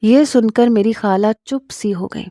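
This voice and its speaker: A woman narrating a first-person story in a steady, confiding way. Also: a little high, no echo, clean studio sound.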